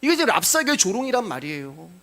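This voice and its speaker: A male pastor delivers a sermon, walking through scripture and putting rhetorical questions to his congregation. His voice sits high for a man. He explains the text plainly and cues each reading aloud. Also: sing-song, fast talker, creaky, bright, forceful tone.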